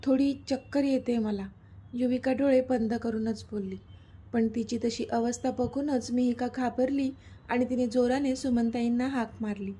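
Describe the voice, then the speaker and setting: A woman narrates a serialized romantic story with a steady, expressive delivery. Her voice is fairly high, mellow and husky. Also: moderate pace.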